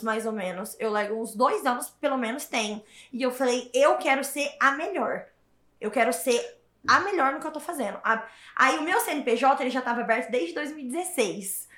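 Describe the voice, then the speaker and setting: A woman, telling her story as an interview guest in an animated, emphatic way and repeating words for stress. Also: fairly high pitch. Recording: roomy echo.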